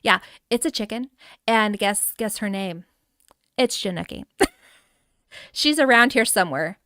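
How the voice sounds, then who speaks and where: A woman's voice: medium pitch, lively intonation, a little slow, a bit bright, dry recording, studio quality. A middle-aged woman hosting a live game stream, chatting casually and laughing as she reads out viewer names. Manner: chatty and giggly, reading out chat names. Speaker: livestream host touring a game island. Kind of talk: casual live gameplay chat.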